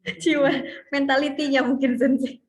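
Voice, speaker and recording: A woman's voice: high voice, little pitch movement, normal speed, reverberant. A woman student answering tentatively in an online language class.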